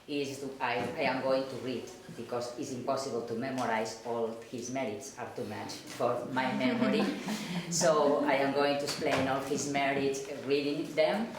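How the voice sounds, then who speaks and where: A middle-aged woman from Spain, introducing a lecturer, speaking hesitant, halting English. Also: rumbling low, fairly even intonation, a crowd in the background. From Spain (Barcelona, Catalonia). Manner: hesitant, warm, halting non-native phrasing. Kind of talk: public introduction, partly read aloud. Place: lecture hall. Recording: echoey lecture hall with background noise.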